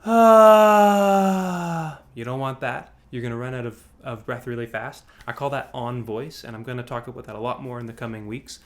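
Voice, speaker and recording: A man's voice: medium pitch, flat delivery, fast talker, few pauses. A man teaching an online singing workshop, explaining breath support, with loose, rambling phrasing full of restarts. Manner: demonstrates sighs and sung examples. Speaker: vocal coach. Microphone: video call.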